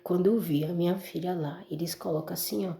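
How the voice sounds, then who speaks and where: A Brazilian woman gives an emotional testimony to a church audience, calling them brothers and folks. Her voice is low and gravelly, with a dark, mellow tone. The sound rings in a roomy space. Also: steady tone, fairly quick. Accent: Brazilian Portuguese. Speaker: testimony speaker.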